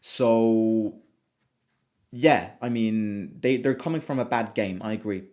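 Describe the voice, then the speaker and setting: Slow-paced and a little mellow, a man from Italy speaks in a lowish voice as he hosts a football fan livestream and reads comments from viewers. His chatter is full of restarts, self-interruptions, and repeated words.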